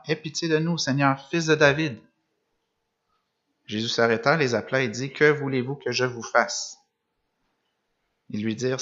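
A man's voice: medium pitch, pushed and bright. A man preaching a sermon, reading gospel passages and explaining them with rhetorical questions. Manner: reads passages then comments, with restarts and rhetorical questions. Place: church or meeting room with a screen behind him. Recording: dull lo-fi sound.

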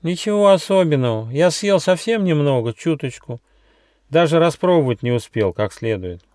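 A man's voice: fairly high pitch, lively intonation, normal speed, a little mellow, no echo, clean studio sound, pitched above the performer's own voice, natural voice. Man voicing a greedy little mouse. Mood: evasive. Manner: mumbling, fibbing. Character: greedy little male mouse, sly and shy.

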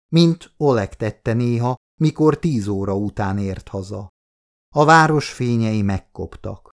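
A man reading a novel aloud as an audiobook narrator, steady and measured. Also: mid-range voice. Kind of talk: scripted narration.

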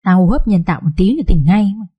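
A woman's voice: medium pitch, animated, fast talker, breathy edge, narrow, tinny audio. A woman voicing a cold, bossy young master who talks to the servants in a curt, scolding way. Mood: gruff scolding.

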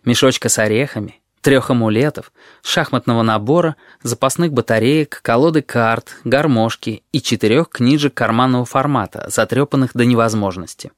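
A man reading an audiobook in the first person, telling the story in a measured, even way. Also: mid-range voice, dry recording, clean studio sound. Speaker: audiobook narrator.

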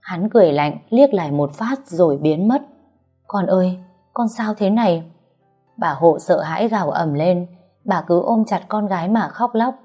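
A woman narrating a story in a steady, even storytelling manner. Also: on the low side, normal speed, slightly rough, faint music behind. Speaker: audiobook narrator.

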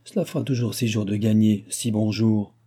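A man's voice: lowish voice, steady tone, moderate pace, mellow, close to an everyday voice. A man reading an audiobook, voicing an aging king who is furious and sorry for himself, grumbling and exclaiming bitterly. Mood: scheming.

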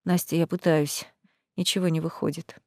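A woman voicing an exhausted young dragon prince who speaks softly, low and weary. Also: little pitch movement, moderate pace, dry recording, studio quality.

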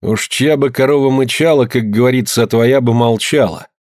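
A man reading a story, voicing a defiant young peasant woman who answers with sharp, biting retorts. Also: medium pitch, normal speed, no room sound, studio quality, close to an everyday voice.

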